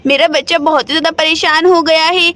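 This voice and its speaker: Woman voicing caring young mom, gentle, fussing, very high pitch. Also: steady tone, a little fast.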